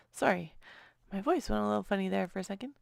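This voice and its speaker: A woman talks over her crafting video in a chatty, casual way, frequently apologizing and letting sentences fade into little laughs; she's a scrapbooking vlogger. Her mid-range voice is creaky, and the studio sound is clean with no room sound.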